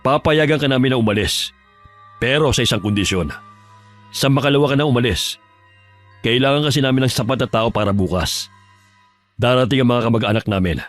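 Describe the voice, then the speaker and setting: Protective hacienda husband, firm and steady , played by a man; audio horror drama. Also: medium pitch, fairly quick, long pauses, faint music behind, lightly acted. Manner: firm, then pleading and shouting. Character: worried landowner husband, patient and protective.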